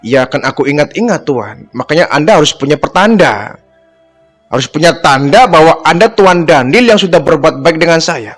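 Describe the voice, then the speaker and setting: A man voicing a humble young orphan boy who answers softly and obediently. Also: a little high, expressive, moderate pace, soft background music. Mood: meek. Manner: soft, deferential replies.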